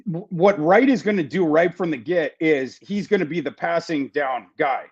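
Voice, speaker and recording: A man giving fantasy football analysis in a casual podcast chat, talking quickly and restarting his sentences. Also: a little high, slightly rough, dull audio. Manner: fast, repeats words and restarts often.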